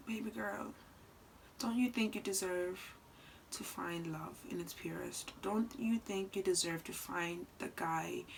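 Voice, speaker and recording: A woman's voice: medium pitch, slight background noise, rough recording. Earnest young woman giving vlog advice. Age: 20s. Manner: earnest, animated, swings between soft asides and loud outbursts. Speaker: vlogger. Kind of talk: casual advice vlog talking to camera.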